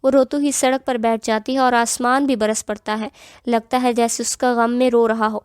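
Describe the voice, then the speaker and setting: High-voiced woman reading a novel. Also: little pitch movement, clean tone, no room sound, clean studio sound. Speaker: narrator. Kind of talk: reading an Urdu romance novel aloud.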